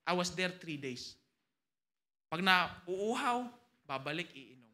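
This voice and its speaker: A man with a Filipino accent preaching a sermon as pastor, swinging from loud exclamations to hushed asides. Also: high voice, expressive, takes it slowly.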